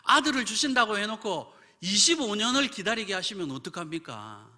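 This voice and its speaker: Man, pastor, sermon, lively high pitch, dramatic delivery, reverberant church hall. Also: normal speed. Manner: dramatic, with acted quotes, sudden whispers and loud build-ups. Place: church sanctuary.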